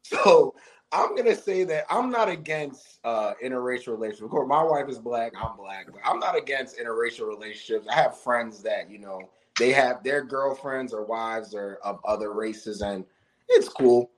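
Lively chatty man. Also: medium pitch, normal speed. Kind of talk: casual chat.

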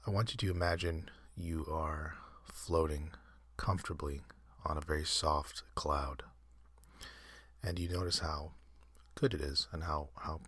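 A man hosting an ASMR channel, leading a soft, halting whispered guided meditation with many pauses and fillers. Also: rumbling low, slightly rough, no echo. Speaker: ASMR host.

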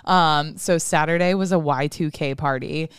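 A woman in her twenties co-hosts a casual podcast in a slightly low voice. She chats along easily, full of "like" fillers. The studio sound is dry and close. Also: moderate pace, clear, resonant tone, no room sound. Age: 20s. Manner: chatty, many "like" fillers. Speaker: podcast co-host. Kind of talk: casual chat.

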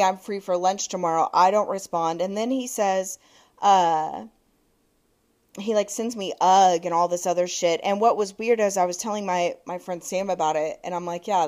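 Animated woman telling a dating story. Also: on the low side, moderate pace. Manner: animated, swearing, quoting texts. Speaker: podcast co-host. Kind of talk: casual chat, storytelling.

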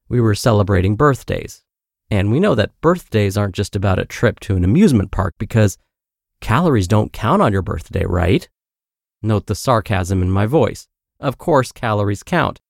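A male podcast host reads a written post aloud in an even, clear manner with a gravelly edge to his voice. His commentary is chatty and has a dry, self-aware humor. The sound is close and dry, with no room around it. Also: mid-range voice, no echo. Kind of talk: reading a blog post aloud, then personal commentary.

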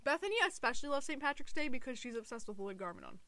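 A young-sounding woman with a Michigan accent, co-hosting a casual podcast, excitable and quick to break into giggles. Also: high voice. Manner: giggly, excitable, laughs often. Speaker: podcast co-host. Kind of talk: casual chat.

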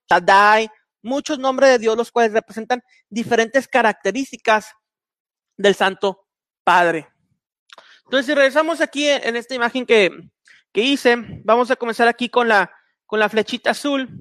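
A man's voice: extremely high pitch, fairly bright tone, no room sound. A man explaining slides as a Bible teacher, methodical, with frequent fillers and restarts. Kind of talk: explaining slides in a recorded lesson.

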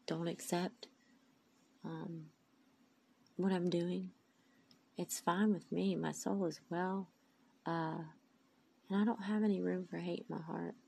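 A woman's voice: fairly low pitch, creaky, darkish tone, slight background noise. A woman giving a heartfelt, emphatic inspirational talk about faith, sounding tired and tearful. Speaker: faith vlogger. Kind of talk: inspirational monologue.

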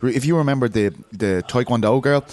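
A man's voice: medium pitch, fairly quick, darkish tone. A man hosting a casual sports discussion, emphatic and repeating phrases for stress. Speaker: podcast host.

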